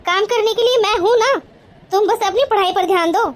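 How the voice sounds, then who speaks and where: A woman's voice: high-pitched, fairly even intonation, fairly quick, a little hiss or hum, natural voice. A woman voicing a young married woman in a cartoon, a caring but strict sister-in-law who scolds in a bossy yet affectionate way. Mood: scolding.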